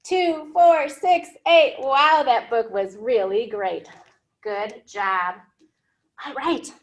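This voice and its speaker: At storytime in an indoor library room, a children's librarian in her thirties expressively reads a picture book to young learners, offering simple questions and explanations. Her voice sits on the high side and she goes slowly.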